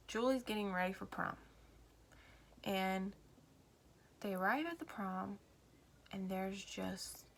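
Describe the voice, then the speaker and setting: A woman chatting casually through a film recap in a valley girl manner, with vocal fry and lots of "like" and acted-out quotes. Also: mid-range voice, fairly bright tone, a little hiss or hum. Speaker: movie reviewer retelling a film.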